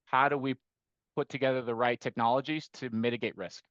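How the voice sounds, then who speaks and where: A man's voice: mid-range voice, fairly even intonation, a little fast, fairly bright tone, no room sound, lo-fi sound. A middle-aged man who grew up in Costa Rica, talking through his investment work as a podcast guest, with many restarts and rhetorical "right?" tags. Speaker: guest, investment firm managing partner. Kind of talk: conversational podcast interview.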